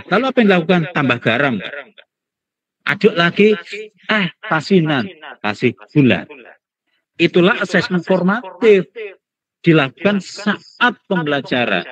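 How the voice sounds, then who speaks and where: A man's voice: a little high, fairly bright tone, highs cut off. A male lecturer giving an online teacher training lecture, explaining with everyday analogies and rhetorical questions.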